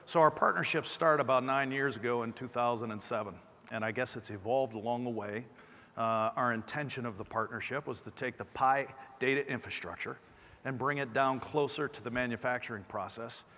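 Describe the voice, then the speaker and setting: Middle-aged male keynote presenter, slight lisp, mid-pitched, amplified in a reverberant hall. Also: a little fast, bright, forceful tone. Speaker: company presenter. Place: large conference stage indoors. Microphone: clip-on lapel mic.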